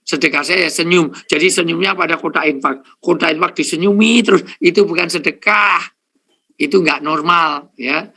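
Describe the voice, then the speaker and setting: A man's voice: fairly high pitch, moderate pace, bright, forceful tone, breathy edge. A middle-aged man preaching a humorous sermon to a live audience, joking, speaking to listeners directly and counting off his points. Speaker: Islamic preacher.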